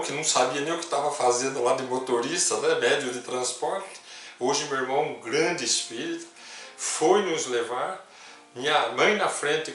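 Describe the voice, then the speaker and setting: Older man telling a story, echoey hall. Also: mid-range voice. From Brazil. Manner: storytelling, quoting others with soft voices. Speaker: spiritist speaker. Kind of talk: personal testimony talk. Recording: distant mic with heavy room echo, faint music.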